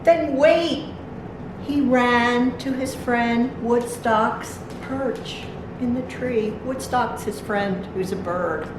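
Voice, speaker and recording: Reading a picture book aloud to young children, a woman with a fairly high voice goes slowly and adds simple explanations as a library storytime reader. The room is very echoey, the mic distant, and the recording noisy.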